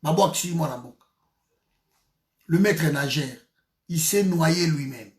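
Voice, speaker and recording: A man's voice: a little high, slow, reverberant. A man from DR Congo, giving a heated political monologue as a commentator, emphatic and repeating his phrases with frequent restarts.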